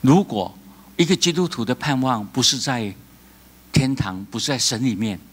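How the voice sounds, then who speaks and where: A man with a Taiwanese Mandarin accent preaching a sermon as pastor, animated, often laughing and prompting the congregation to answer. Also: medium pitch, normal speed, slightly rough. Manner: animated, asks the congregation call-and-response questions; laughs often between remarks.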